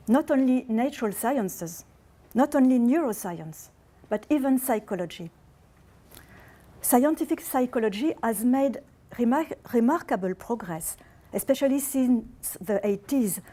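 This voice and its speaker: French-accented woman lecturing, mellow tone. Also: fairly high pitch. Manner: measured, with hesitant fillers. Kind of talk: academic lecture.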